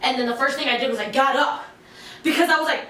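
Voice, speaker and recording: A young woman co-hosting a podcast tells a story in loose, animated chat, full of fillers and the odd curse. Her voice sits high and bright. She sounds set back from the mic in a very echoey room. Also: fast, distant mic. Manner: animated, swears freely, many fillers. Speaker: podcast co-host.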